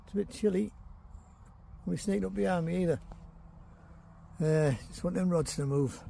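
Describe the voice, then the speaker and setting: There's a little hiss or hum on this camera or phone recording of a Teesside angler vlogging outdoors by a river at night. He speaks at normal speed in a high-pitched, creaky, warm voice, chatting casually and colloquially.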